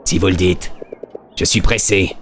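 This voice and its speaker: Guy doing a gruff lady principal, husky smoker voice, low and stern. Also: fairly even intonation, unhurried, a bit bright. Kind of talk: voicing game dialogue.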